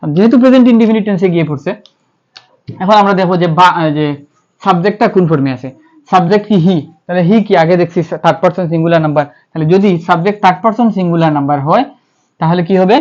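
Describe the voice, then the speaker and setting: A man's voice: sits high, fast talker, darkish tone. Bangladeshi guy lecturing on grammar, asks himself questions, spells words out, bit dull lo-fi sound. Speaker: English grammar teacher. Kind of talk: classroom-style lecture. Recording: slightly dull, lo-fi.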